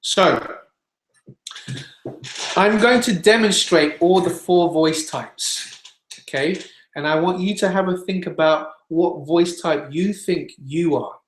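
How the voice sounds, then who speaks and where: A man's voice: high voice, slow. A man teaching singing in an online webinar, explaining patiently and demonstrating scales. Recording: echoey room.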